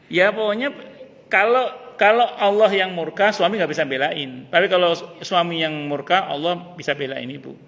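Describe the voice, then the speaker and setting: A man a tinge gives a casual religious lecture, lively and joking. His voice is bright and a little high. A long reverb from the mosque hall trails behind him. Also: measured pace, vocal fry, muffled recording. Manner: lively, joking asides, repeats key phrases. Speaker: ustadz teaching a mosque study group.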